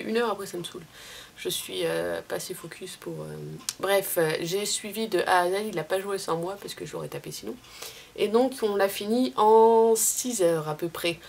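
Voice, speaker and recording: A woman's voice: fairly low pitch, creaky, darkish tone, slight background noise. A young woman giving a casual, rambling game review on her vlog, full of fillers and restarts. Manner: chatty, many fillers and restarts, self-mocking. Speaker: video blogger.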